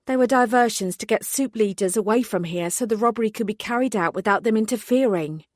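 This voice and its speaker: A woman's voice: mid-range voice, fairly quick, no echo, studio quality, voice pushed up, close to an everyday voice. A woman narrator voicing a condescending, brusque male police inspector in an audiobook. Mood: dismissive.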